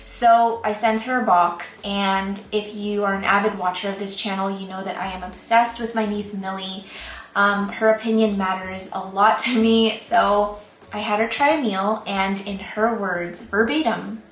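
A woman's voice: medium pitch, steady tone, measured pace. A young woman vlogging casually from her plant room, chatty and rambling with self-deprecating asides. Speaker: plant YouTuber. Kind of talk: casual vlog talk to camera. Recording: roomy echo, faint ambient noise.

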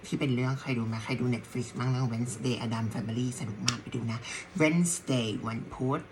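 A woman teaching a beginners' language lesson, patient and motherly, who drills each word by repeating it slowly. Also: rumbling low, noisy background. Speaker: English teacher.

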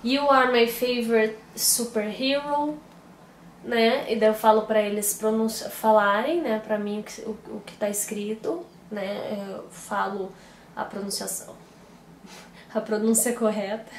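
A woman's voice: mid-range voice, level tone, unhurried, echoey room, slight background noise. A Brazilian woman chatting casually to her vlog audience from home, often correcting herself mid-sentence. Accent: Brazilian Portuguese. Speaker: mom vlogger. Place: at home, indoors.

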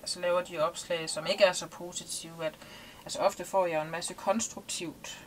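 Woman in her thirties, from Denmark, fairly low voice, hesitant and thoughtful, faint hiss behind. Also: steady tone. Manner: thoughtful, many hesitations and fillers. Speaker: interviewee, liveaboard sailor. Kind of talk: casual interview. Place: small boat cabin, indoors.

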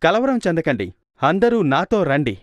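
A man voicing a brave young cowherd hero in a cartoon, calling to his friends with calm authority. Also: fairly high pitch, normal speed, dry recording. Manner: commanding, reassuring calls to friends.

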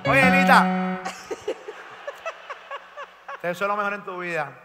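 Puerto rican guy yelling dirty jokes on stage, high voice, big echoey arena w/ music. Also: animated, a little slow. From Puerto Rico. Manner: loud, crude, often shouting. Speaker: stand-up comedian. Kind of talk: live stand-up comedy. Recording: reverberant arena with loud music.

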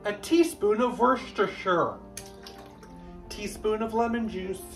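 A man in his thirties hosting a casual home cooking video in his kitchen, with animated, gushing exclamations. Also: high-pitched, measured pace, soft background music. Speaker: cooking channel host. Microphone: camera at close range.

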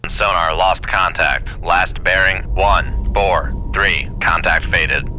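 A man's voice: sits low, fairly even intonation, takes it slowly, bright, forceful tone, slight background noise, exaggerated voice, rough recording. A man playing a submarine sonar operator in a game, giving formal, clipped reports. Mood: steady, businesslike. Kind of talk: naval radio-style reports in a game.

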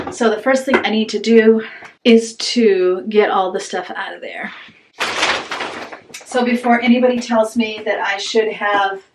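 A woman's voice: medium pitch, noisy background. A middle-aged mom from Maine talks straight to a nearby camera in a casual home vlog. Her chat is upbeat and rambling, and she keeps talking while she moves around a small bathroom. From Maine, USA. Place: bedroom, then small bathroom.

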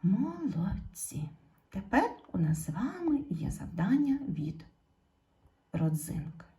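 A woman's voice: medium pitch, big pitch swings, mellow. A woman teaching a video lesson to young pupils in a patient, encouraging way, speaking. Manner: slow, patient, addressing pupils directly. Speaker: primary school teacher.

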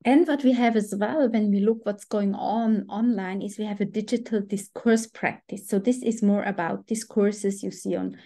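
A woman in her forties with a Swiss German accent presents academic material as a guest researcher, joining a video call from indoors at home via her computer microphone. Her mid-range voice has a dark tone, and she speaks at a moderate pace with few pauses.

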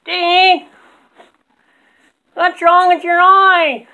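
A man voicing an excitable, indignant ventriloquist dummy in a squeaky puppet voice. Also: extremely slow, highs cut off, heavily acted. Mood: alarmed, indignant.

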